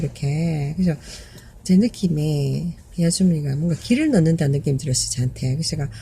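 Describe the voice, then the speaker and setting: Low, mellow-voiced woman telling a story. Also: slight background noise. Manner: hesitant, many fillers and restarts. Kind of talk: personal storytelling.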